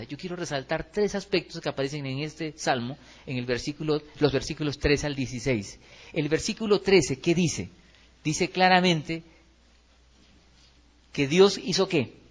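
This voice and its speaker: A man with a Colombian accent preaching a lively sermon in a church hall, acting out quotes and tossing rhetorical questions to the congregation. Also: fairly high pitch, breathy edge. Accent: Colombian Spanish. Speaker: pastor.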